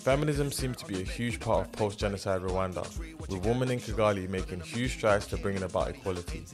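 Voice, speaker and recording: A man interviewing guests and narrating a documentary segment in a measured way. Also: on the low side, music in the background.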